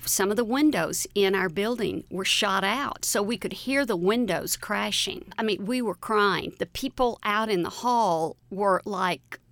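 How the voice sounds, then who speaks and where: Gravelly woman recalling a sad event. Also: medium pitch, measured pace, few pauses, fairly bright tone, no room sound. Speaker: eyewitness interviewee. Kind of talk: documentary interview.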